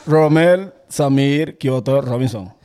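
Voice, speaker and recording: A man's voice: medium pitch, takes it slowly, warm tone, soft background music. A man in his thirties with a Honduran accent, a footballer guest talking casually and laughing often on a podcast. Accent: Honduran Spanish. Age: 30s.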